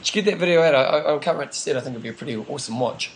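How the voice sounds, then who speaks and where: A man's voice: fairly high pitch, racing, slight background noise. A man with a broad New Zealand accent chatting casually and informally as a podcast host, using plenty of slang. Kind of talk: casual co-hosted sports chat.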